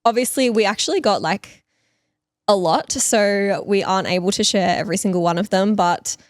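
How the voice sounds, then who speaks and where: A podcast co-host chats and reads listener stories aloud in a medium-pitched voice at a moderate pace, recorded with studio quality and no room sound. Part of her voice is lost, and she laughs often.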